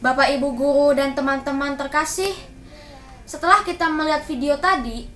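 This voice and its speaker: A woman's voice: high-pitched, fairly bright tone. A woman giving a scripted Bible reflection as a school devotion leader, in a formal address to teachers and classmates. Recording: echoey room.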